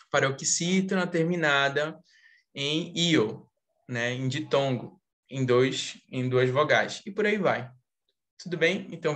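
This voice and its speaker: A man's voice: a little high, a bit bright. A young Brazilian man with a Brazilian Portuguese accent, teaching a live online writing lesson, explaining step by step and asking the class questions.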